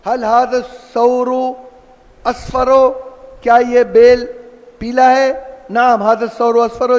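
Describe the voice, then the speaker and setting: A man's voice: very high voice, long reverb tail. A man teaching an Arabic lesson, explaining words and asking and answering his own questions. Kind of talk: classroom lesson.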